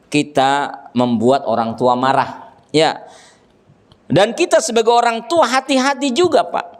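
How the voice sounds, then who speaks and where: Animated high-voiced preacher man. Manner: animated, jokes with the audience, acts out scolding parents. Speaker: ustadz teaching a religious study group. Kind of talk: sermon. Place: gathering with children and fathers present.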